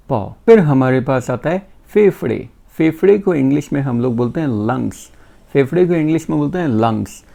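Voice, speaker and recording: A man teaching English words, repeating each one slowly and patiently. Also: medium pitch, vocal fry, warm tone. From India. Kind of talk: vocabulary lesson.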